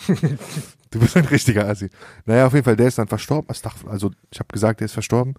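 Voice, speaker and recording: A man's voice: mid-range voice, rapid-fire, a little mellow, no echo, studio quality. A young man telling a story in casual slangy chat, often laughing and acting out quoted lines. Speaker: podcast host.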